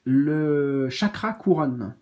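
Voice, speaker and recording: A man giving a gentle, reassuring spiritual card reading in a casual spoken style, pausing often with fillers. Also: a little high, expressive.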